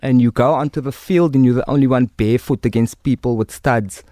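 Man, Cape Town Coloured South African accent, mid-pitched, impassioned conversation, explains by example, dry recording. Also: brisk, warm tone, no echo. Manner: explains through analogies and examples.

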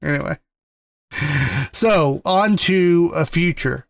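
Casual podcast co-host, male, easygoing, a touch high-pitched, smooth and dry-miked. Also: takes it slowly, no room sound. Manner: easygoing, laughs often, repeats words. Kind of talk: casual chat.

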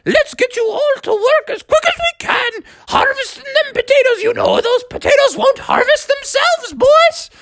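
A jolly, fussing farm-wife bear, voiced by a man in falsetto. Her voice sits very high and chirps along in a cheery, folksy way. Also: animated, normal speed, few pauses, fairly bright tone, exaggerated voice.

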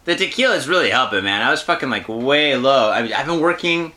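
A man's voice: medium pitch, animated, fairly quick, bright, forceful tone. A man co-hosting a podcast with slangy, profanity-laced casual banter. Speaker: podcast co-host.

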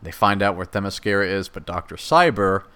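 A man's voice: low voice, lively intonation, brisk, sharp tone, clear, resonant tone. A man hosting a podcast, casually recapping a movie plot in a rambling, chatty way and voicing the characters' lines as he goes. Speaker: podcast host.

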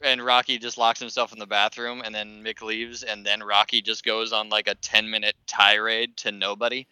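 Man, co-host, joking, low voice, very bright crisp tone. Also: level tone, moderate pace, dry recording, poor audio. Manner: joking, laughs often. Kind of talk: casual chat.

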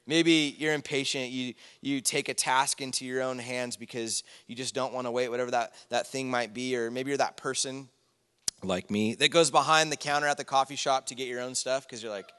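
A man's voice: medium pitch, fairly even intonation, brisk, bright, forceful tone, smooth. A man, preaching a casual, conversational sermon with personal stories, chatty asides and fillers. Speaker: pastor. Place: church sanctuary. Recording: church hall with long reverb.

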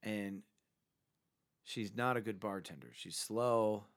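A man's voice: on the low side, slow. A man co-hosting a casual sports podcast, telling a bar story with lots of swearing and acted-out quotes. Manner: animated storyteller, swears freely, acts out quotes. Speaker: podcast co-host; bartender. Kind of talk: casual chat.

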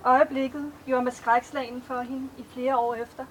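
Woman poet, high voice, slow measured recital, outdoor festival, faint noise behind. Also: little pitch movement, rough recording. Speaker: author reading her poems. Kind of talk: poetry reading at a live event.

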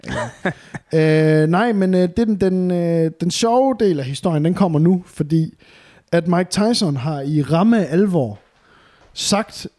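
A man's voice: fairly high pitch, animated, warm tone. A man bantering casually as a podcast co-host, sweary and mixing in English slang.

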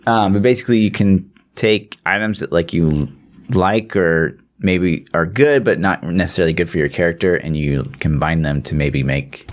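With a low voice at a moderate pace, this man co-hosts a podcast, talking games in a loose, slang-filled, meandering style with occasional swearing.

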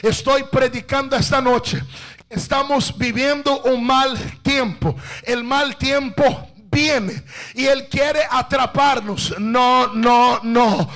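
A male preacher giving a fervent sermon, shouting declarations and calling on the congregation to respond. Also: extremely high pitch, slow.

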